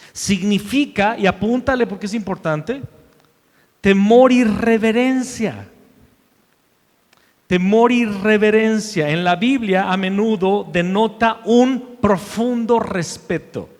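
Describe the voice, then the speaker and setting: A man preaching a sermon as pastor, emphatic, repeating key phrases and swinging between loud declarations and hushed asides. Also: sits high, takes it slowly, long pauses. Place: church sanctuary. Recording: long hall reverb.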